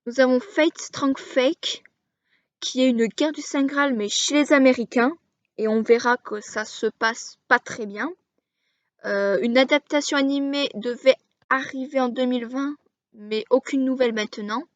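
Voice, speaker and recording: A woman with a high, light voice talks slowly through a list, stopping often to find her next word. The sound is dull and lo-fi, with a dry, close feel and no room echo. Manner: halting, frequent hesitations while listing titles. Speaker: anime video creator. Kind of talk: casual explainer to camera.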